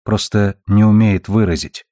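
A quiet teenage granddaughter speaking softly and gently, as a man reads her part in a low voice. The audiobook recording sounds dry and close. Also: steady tone, moderate pace, no echo, natural voice. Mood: subdued.

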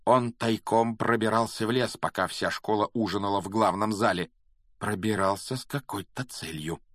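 Male narrator, audiobook, measured storytelling, low voice, dry sound. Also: no echo. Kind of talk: scripted narration.

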